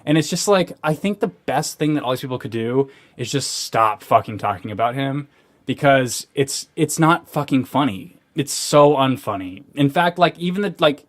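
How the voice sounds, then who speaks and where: A man's voice: medium pitch, expressive, moderate pace. A young man co-hosting a casual podcast, ranting sardonically with many restarts and fillers. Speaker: podcast co-host.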